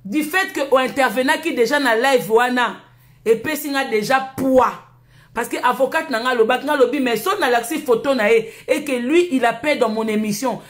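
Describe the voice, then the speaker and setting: A Congolese woman with a high voice fires off a combative live stream rant. She scolds and insults her critics in a Congolese French accent. Her voice rings around an echoey room. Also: normal speed. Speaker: livestream host.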